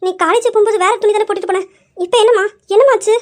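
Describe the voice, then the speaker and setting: A fretful old grandmother, voiced by a woman, coaxing and hesitant, who trails off as she talks. Her voice sits very high but drops lower and softer than the other roles. Amateur family drama. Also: rapid-fire, a little hiss or hum. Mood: worried.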